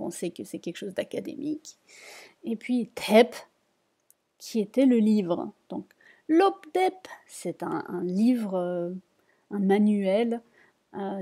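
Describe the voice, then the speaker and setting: A woman's voice: mid-range voice, dark tone. A woman teaching a reading lesson, patiently repeating each word and explaining it. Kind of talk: slow spoken lesson.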